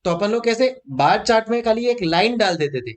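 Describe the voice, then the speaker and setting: A man teaching an exam-prep lecture in a lively way, mixing English terms into his speech, repeating key points and calling his students "beta" in a fatherly tone. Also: sits high, a little fast.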